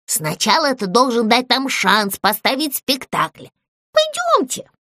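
A woman voicing a bold, cheeky little female doll who speaks briskly and defiantly. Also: a little high, wildly swooping pitch, sharp tone, dry recording, studio quality, full character voice.

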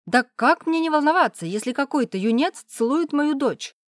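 Brief: raging scornful old father, woman voicing him, raised and loud, dry audiobook read. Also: high-pitched, lively intonation, normal speed, no room sound, voice pushed up. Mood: indignant. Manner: shouting, scornful. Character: stern angry old father in a wheelchair.

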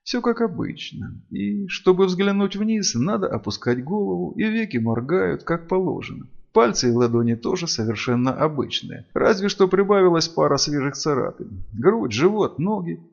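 Expressive gravelly male fantasy narrator. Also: high voice, moderate pace, few pauses, lo-fi sound. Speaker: audiobook narrator.

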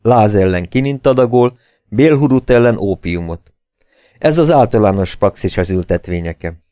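A man's voice: on the low side, animated, warm tone, no room sound, natural voice. A man voicing a stern, curt male plantation manager who speaks in a cold, businesslike way.

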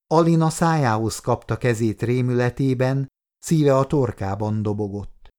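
A man narrating an audiobook in a steady, measured way. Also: medium pitch. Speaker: audiobook reader.

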